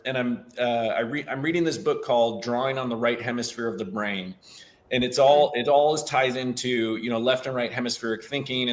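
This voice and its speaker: A man who draws cartoons and writes, rambling in casual group discussion with many fillers. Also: mid-range voice. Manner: rambling, filler-heavy, animated.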